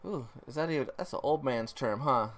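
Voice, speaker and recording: A man's voice: mid-range voice, brisk, fairly bright tone. A tired man co-hosting a casual live stream in an easygoing, rambling, jokey way. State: tired, ready for bed. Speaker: live stream co-host and vlogger. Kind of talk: casual livestream chat.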